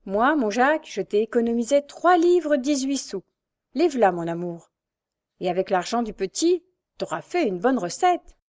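A woman's voice: a little high, big pitch swings, measured pace, a little mellow. Female reader as a coarse grumbling old mother, crafty and coaxing, storybook.

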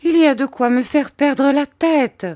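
A woman voicing a young, fretful mother who whines and pleads in a high, petulant voice. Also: animated, measured pace, warm tone, no room sound, studio quality. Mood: petulant pleading.

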